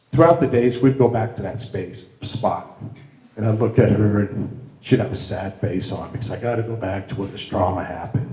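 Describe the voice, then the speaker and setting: A middle-aged man, father of the bride, giving a rambling, halting wedding toast with many restarts. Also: fairly low pitch, dark tone. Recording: echoey room.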